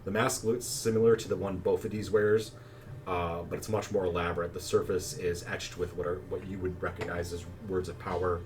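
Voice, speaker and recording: A man running a tabletop game as game master, narrating in a relaxed, chatty way with plenty of fillers. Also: sits low, brisk. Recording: distant mic, faint background noise.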